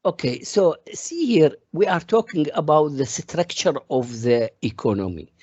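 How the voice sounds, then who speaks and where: A man's voice: on the high side, sing-song, unhurried, a little mellow, husky, no echo, muffled recording. A man from Iraq, giving a classroom economics lecture and explaining each point step by step with examples. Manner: explains step by step through worked examples, calls on students.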